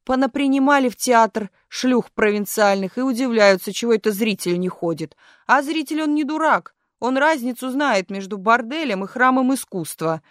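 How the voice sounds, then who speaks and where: A woman's voice: on the high side, animated, moderate pace, no echo, studio quality, pitched above the performer's own voice, lightly acted. A woman voicing a haughty, venomous old former stage actress in an audiobook, grand and scolding. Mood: scornful. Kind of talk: audiobook character voice.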